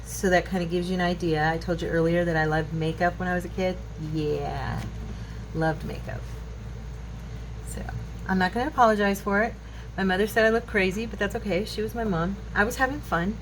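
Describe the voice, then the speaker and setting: With a lowish voice, fairly even intonation and a fairly quick pace, this woman in her fifties muses casually over a craft tutorial. She hosts a craft channel and works at a table in her home, in a recording with obvious noise.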